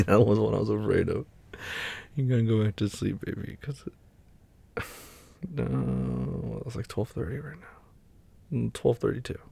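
A man speaks in a low, intimate murmur that often drops to a whisper. His voice is very husky and breathy, with gravelly fry and a warm, mellow tone. He sounds soft and soothing, close to the microphone. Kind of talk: whispered boyfriend roleplay ASMR.

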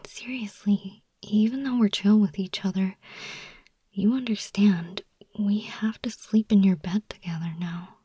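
Slow breathy whisper, close and dry: woman voicing an anxious, self-deprecating young woman pleading softly, ASMR roleplay. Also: medium pitch, no room sound. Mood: earnest, persuasive. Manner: soft, confiding, pleading.

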